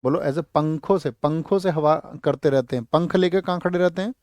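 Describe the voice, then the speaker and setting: A man's voice: fairly high pitch, a little fast, a little mellow, no room sound. A man teaching an exam-prep lecture who quizzes his students, answers his own questions and repeats key words so they stick.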